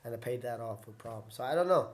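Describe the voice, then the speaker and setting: Speaking quickly with lively intonation and a mid-range pitch, this young podcast guest recounts how he started out fighting. The storytelling is loose and casual, full of "like," side tracks, and repeated self-corrections.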